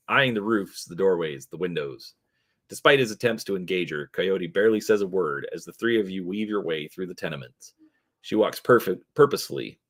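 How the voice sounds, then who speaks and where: A man with a very low voice reads role-playing game narration aloud as he streams. His delivery is steady and plain, like someone reading along to a screen. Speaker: gaming streamer. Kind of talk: reading game text aloud during a playthrough.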